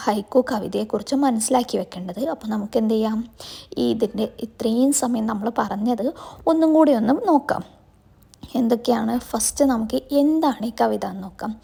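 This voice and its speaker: Woman teacher, question-and-answer style; mellow tone, fairly high pitch. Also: gravelly, slightly rough. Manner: asks questions and answers them herself. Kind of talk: explaining a class lesson.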